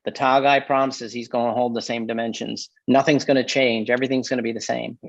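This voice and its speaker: A man who runs a shower door business, talking casually on a livestream panel and telling animated stories about customers. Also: fast talker, vocal fry, no room sound, highs cut off. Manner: animated storyteller, mimics customers in a high voice. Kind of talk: casual shop talk.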